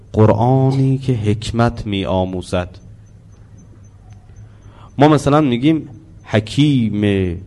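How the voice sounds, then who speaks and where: A man with a dark-toned, mid-range voice teaches religion, focusing on the Quran. Slow explanations, questions for the listeners and drawn-out chanting of Arabic verses fill his lesson.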